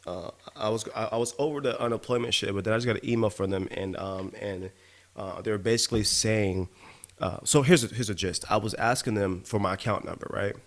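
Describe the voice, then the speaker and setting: A man's voice: fairly low pitch, fairly even intonation, brisk. A man hosting his own podcast, telling stories in a loose, profane way and often asking "you know what I mean", a bit tipsy from drinking. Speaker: podcast host. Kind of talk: casual monologue.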